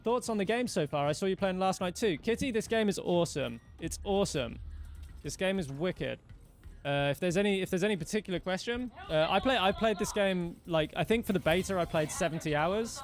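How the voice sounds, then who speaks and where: A man's voice: high voice, brisk. A young man streaming a game live, chatting loosely with viewers and thanking followers as he plays. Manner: rambling, talks to chat, thanks followers by name. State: losing his voice. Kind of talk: casual live-stream commentary while playing.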